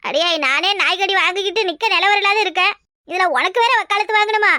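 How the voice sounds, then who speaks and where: A woman's voice: extremely high pitch, fast, bright, forceful tone, dry recording, studio quality. A woman voicing a tired, grumbling old village mother-in-law with a Kanyakumari accent. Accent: Kanyakumari Tamil.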